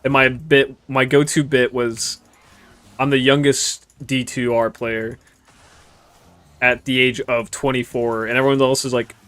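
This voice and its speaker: A man in his twenties giving relaxed, rambling gameplay commentary and chatting with viewers, swearing casually. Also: medium pitch, measured pace, no room sound. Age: 20s. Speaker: gaming streamer.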